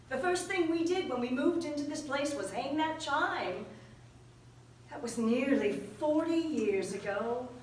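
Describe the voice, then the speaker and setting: An older woman playing a stubborn, sharp-tongued widow with dry, teasing humor on a community theater stage. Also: sits high, slow pace, long pauses, a little hiss or hum. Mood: wry. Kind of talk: community stage play acting. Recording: echoey hall, miked from far off.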